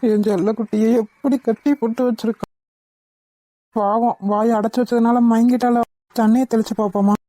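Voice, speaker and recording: A woman's voice: a little high, fairly even intonation, moderate pace, dark tone, dry recording. A woman voicing a cartoon, speaking with dramatic, emotional delivery. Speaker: narrator and voice of all figures. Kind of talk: cartoon voice acting.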